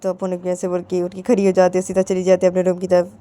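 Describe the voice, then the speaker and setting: A woman's voice: fairly low pitch, completely flat delivery, fast, mellow. A woman narrating a family story casually, repeating her connecting phrases. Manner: repetitive, filler-laden narration.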